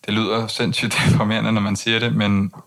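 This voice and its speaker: Young man, very flat monotone delivery, gravelly fry, hesitant restarts, candid conversation. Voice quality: monotone, low-key delivery. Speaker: interview guest.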